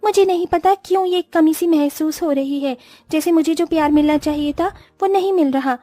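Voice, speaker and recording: A woman doing a haughty spoiled young wife, high shrill voice, demanding, dry close sound, cartoon. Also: moderate pace, mellow, no room sound, faint music behind, close to an everyday voice. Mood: regretful. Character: spoiled rich young bride, selfish and haughty.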